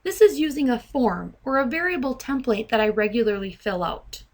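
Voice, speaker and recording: Narrating a software demo over a screen recording, this trainer has a fairly high and expressive voice. She explains things deliberately, taking care to say every dictated command distinctly.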